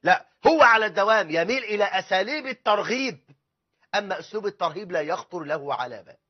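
A man's voice: high-pitched, expressive, fast talker, husky. A man with an Egyptian accent preaching a sermon, mixing colloquial talk with formal phrases and acting out family dialogues. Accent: Egyptian Arabic. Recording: dull lo-fi recording.

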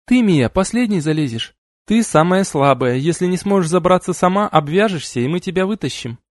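Man voicing a bossy young woman, commanding, scolding, high lively voice. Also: fairly quick, no echo, studio quality.

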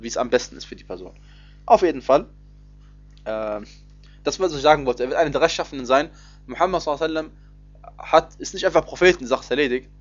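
A man giving a spoken religious lesson, explaining in a loose, conversational way with frequent hesitations and restarts. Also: a little high. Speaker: Quran commentary teacher. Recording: slightly dull, lo-fi recording.

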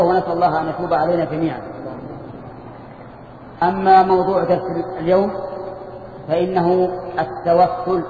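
A man's voice: high-pitched, a little mellow. Man lecturing in a distant echoing hall. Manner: repeats key phrases slowly and poses questions to listeners. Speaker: religious teacher. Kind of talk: classroom lecture. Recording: roomy hall taped from afar, dull and lo-fi with faint hiss.

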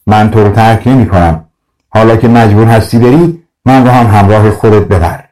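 A man's voice: lowish voice, dark tone, recorded from a distance, natural voice, rough recording. A man voicing a heartfelt young woman. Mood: devoted. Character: young woman, joyful and devoted.

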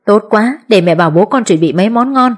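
A woman's voice: mid-range voice, expressive, a little fast, husky. A woman doing a kindly middle-aged mother. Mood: pleased. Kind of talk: audiobook character voice.

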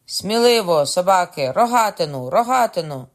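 A man voicing a hot-blooded young king who shouts loud, high, strained commands during a boar hunt in an audiobook. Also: expressive, normal speed. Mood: fierce.

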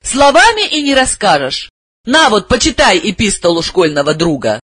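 A jittery, frightened woman blurts out her lines in a raised, tense voice, as a man reading a story puts her on. Her words come out in sharp exclamations with a breathy edge. It sounds dry and close. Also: huge pitch swings, moderate pace, no echo, exaggerated voice. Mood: agitated. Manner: high-pitched, tense, exclaiming. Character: frightened nervous woman hiding a secret. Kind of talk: audiobook character voice.

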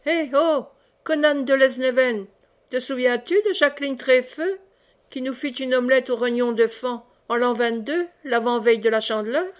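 A woman's voice: fairly high pitch, moderate pace, close to an everyday voice. A woman reading the part of a merry, chatty old friar who brawls and banters, in an audiobook. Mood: jovial. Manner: merry, rambling, teasing.

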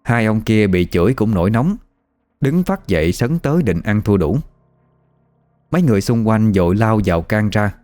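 Lively male ghost story narrator. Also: lowish voice, moderate pace. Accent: Southern Vietnamese. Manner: dramatic, vivid storytelling. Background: faint music.

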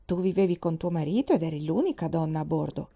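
A woman's voice: deep voice, expressive, fast talker, gravelly, mellow, highs cut off, heavily acted. A woman reading the part of a young male naval captain, dry and dismissive. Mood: wry.

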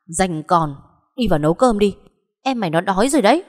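A woman voicing a harsh, abusive middle-aged stepmother who shouts and scolds, with a long echoing reverb. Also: medium pitch, expressive, a little fast, natural voice. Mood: scolding.

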